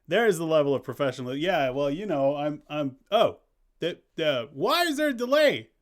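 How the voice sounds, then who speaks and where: A man hosts a casual game stream, chatting playfully with viewers and often cutting himself off mid-thought. His voice is on the high side and very animated at a moderate pace, with a clearly noisy background.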